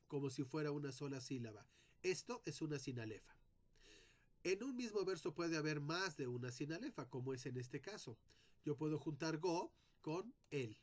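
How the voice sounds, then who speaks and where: A man teaching a lesson on poetic meter, speaking deliberately and sounding out syllables one by one as he explains. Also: fairly high pitch. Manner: addresses students directly.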